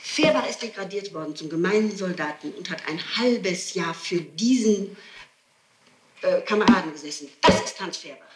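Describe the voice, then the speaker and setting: Questioned by a prosecutor on an old archival interrogation recording, a woman replies off the cuff in an insistent, pleading, emphatic way. She speaks at a moderate pace with a lowish, expressive voice, heard through reverb and a little hiss or hum.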